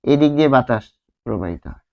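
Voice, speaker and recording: A man's voice: medium pitch, expressive, quick pace, creaky. Dull-sounding male teacher explaining step by step. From Bangladesh. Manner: explains step by step, asks and answers his own questions; drags out sounds to demonstrate. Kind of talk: grammar lesson.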